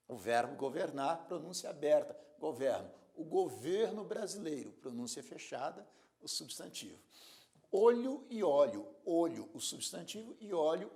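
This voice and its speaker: A man's voice: a little high, gravelly. A man teaching a grammar lesson, spelling out words and giving examples in a didactic way. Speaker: Portuguese teacher.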